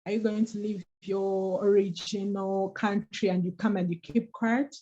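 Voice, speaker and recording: A woman's voice: medium pitch, flat delivery, unhurried, dark tone. A woman co-host giving an earnest, encouraging talk about forgiveness and moving forward. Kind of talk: motivational talk. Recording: dull, lo-fi online call audio.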